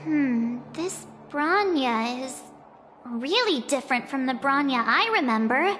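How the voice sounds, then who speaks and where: A woman's voice: high voice, expressive, slow, fairly bright tone, exaggerated voice. A woman voicing a perky, chatty and slightly sheepish young woman traveller in a video game. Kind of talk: English video game voice acting. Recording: long reverb, music behind.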